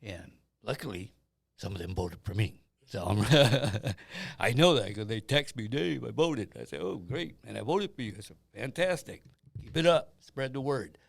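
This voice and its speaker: An older man from Guam with a gravelly, rough-edged voice that sits a little low. He speaks as a candidate in a relaxed interview, chatty and jovial, and slips in small anecdotes. The sound is close and dry. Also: normal speed, no echo. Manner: jovial, chatty, tells anecdotes with quoted dialogue. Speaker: political candidate. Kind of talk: casual interview talk.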